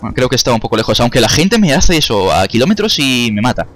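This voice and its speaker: Young man, casual gameplay commentary, chatty, cursing, mid pitch. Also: big pitch swings, fast, fairly bright tone. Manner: chatty, swears at opponents, talks to viewers. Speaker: gaming YouTuber.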